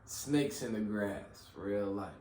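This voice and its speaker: A man in his early twenties hosts a podcast in casual chat, his voice low, slow and darkish, packed with slang and a constant "bro." The room sounds echoey and the mic is far off, with a faint hiss.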